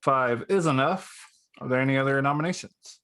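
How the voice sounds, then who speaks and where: A man moderating a game, making brisk procedural announcements to the players. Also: mid-range voice, pushed and bright, clean tone.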